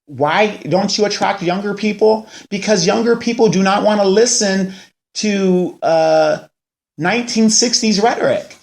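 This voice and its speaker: Vocal fry colors the high voice of a man in his forties, who speaks at a measured pace. He hosts a local news show and delivers casual political commentary as a rant, peppered with rhetorical questions.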